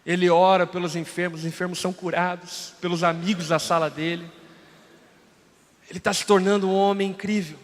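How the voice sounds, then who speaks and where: A man's voice: high-pitched, little pitch movement, a little fast. A Brazilian man in his thirties preaching a sermon, telling stories and acting out the dialogue. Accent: Brazilian Portuguese. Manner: storytelling preacher, acts out dialogue. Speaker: pastor. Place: large church hall. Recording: long hall reverb.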